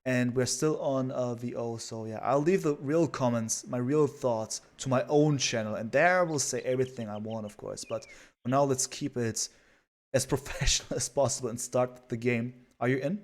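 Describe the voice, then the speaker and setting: A man's voice: medium pitch, moderate pace. A man casting a strategy game live, chatty and rambling with lots of fillers. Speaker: esports caster.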